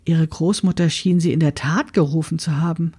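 Woman author reading her story: steady, measured narration with a lightly husky tone. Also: low voice.

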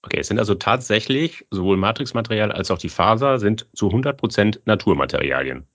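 A man hosting a podcast, reading a smooth, scripted introduction and asking questions. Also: lowish voice, expressive, fairly quick, a bit bright. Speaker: podcast host. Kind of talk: podcast interview.

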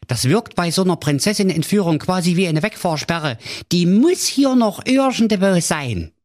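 A man's voice: sits high, animated, moderate pace, darkish tone, pitched above the performer's own voice. A man doing a blunt hunchbacked valet. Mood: dry. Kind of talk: comic audio fairy tale.

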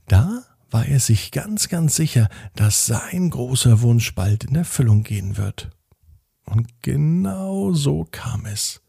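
A man narrating a bedtime story in a gentle, expressive way. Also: mid-range voice, gravelly, breathy edge, no echo, clean studio sound.

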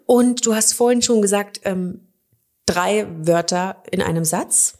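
A woman's voice: mid-range voice, a little slow, a little mellow. A woman hosting an interview as a mother, asking candid questions and thinking aloud with many fillers. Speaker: podcast host and mother.

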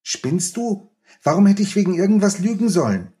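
A man's voice: sing-song, normal speed, dark tone. An author reading from his own book, voicing a small boy who is jealous and screaming in fury. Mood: indignant. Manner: shrill screaming, high-pitched outbursts.

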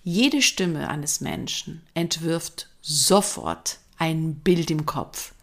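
Slow-talking woman voice coach. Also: deep voice. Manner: calm, addresses the listener directly. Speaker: voice coach, podcast host. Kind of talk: instructive podcast talk.

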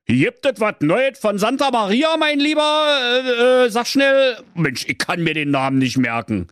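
A shrill, blustering old king with a Berlin accent. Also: big pitch swings, unhurried, a bit bright, no room sound, studio quality, full character voice. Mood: eager. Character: fussy, excitable old fairy-tale king. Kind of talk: comic fairy-tale reading.

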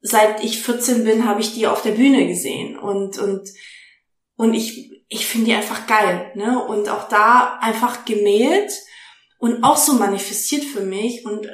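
A woman chats as an interview guest, her pitch sitting a little high. She tells her stories in an animated, excitable way. The recording has a roomy echo. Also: unhurried. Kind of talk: casual interview chat. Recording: echoey room.

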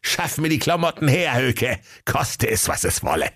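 A man voicing a stingy, vain rich man who blusters and whines in a high, cartoonish voice. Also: sing-song, moderate pace, vocal fry, a bit bright, husky, full character voice. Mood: smug.

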